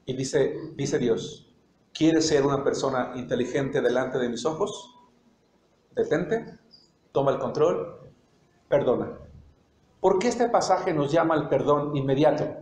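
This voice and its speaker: A man's voice: medium pitch, unhurried, pauses often, a little mellow. A man preaching a sermon as a pastor, asking questions and acting out short dialogues. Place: church sanctuary. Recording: echoey church hall with faint noise.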